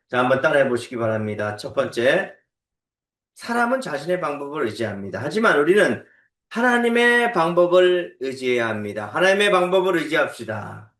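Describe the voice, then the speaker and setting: A man's voice: a little high, fairly bright tone, distant mic. A man preaching a sermon as pastor in a church, often asking the congregation questions to win their agreement. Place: church sanctuary. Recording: echoey church sanctuary, away from the mic.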